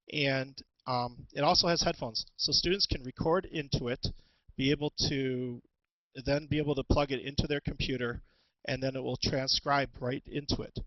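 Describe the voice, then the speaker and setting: Wearing a headset with headphones, a man teaches an instructional webinar, haltingly talking through tools with many ums and restarts. His voice is medium in pitch, and the recording has no echo but the highs are cut off.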